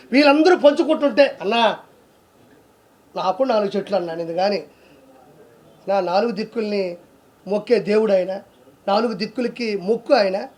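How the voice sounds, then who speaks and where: A man giving heated political commentary in an aggressive, accusing way, firing off rhetorical questions. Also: very high voice.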